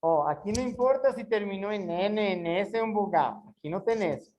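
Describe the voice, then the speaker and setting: Woman teaching in a mellow voice. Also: mid-range voice, poor audio. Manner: explains patiently, spells words slowly syllable by syllable. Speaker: Spanish teacher. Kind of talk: online class explanation.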